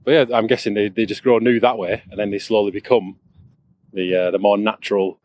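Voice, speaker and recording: A man's voice: fairly low pitch, fairly even intonation, fairly quick, darkish tone. A man chatting casually on an outdoor walk, rambling and stumbling over his words with frequent laughter. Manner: rambling, stammers and repeats himself, laughs often. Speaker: co-host.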